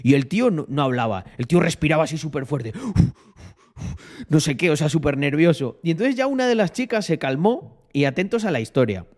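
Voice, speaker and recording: A man telling a casual, animated anecdote in slangy speech. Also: a little high, brisk. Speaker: vlogger. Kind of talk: casual storytelling.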